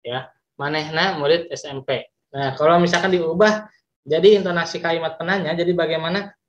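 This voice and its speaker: A man's voice: a little high, fairly even intonation, a little fast. A male teacher with a Sundanese accent explaining a lesson, repeating examples and stretching words for emphasis. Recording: slightly dull lo-fi recording.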